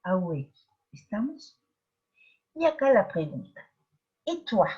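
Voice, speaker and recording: Woman, French teacher, tutorial, patient step-by-step, unhurried, muffled lo-fi sound. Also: mid-range voice, big pitch swings, a little mellow. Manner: patient, explains step by step with frequent check-ins. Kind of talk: recorded tutorial for students. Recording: dull lo-fi sound.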